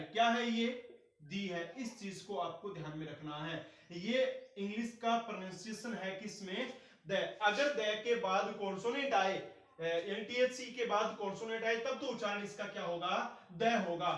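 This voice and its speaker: A man's voice: sits high, fairly bright tone. A man teaching English grammar in a classroom-style lesson. He keeps asking questions and answering them himself, and he repeats the key points. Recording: echoey room, distant from the mic.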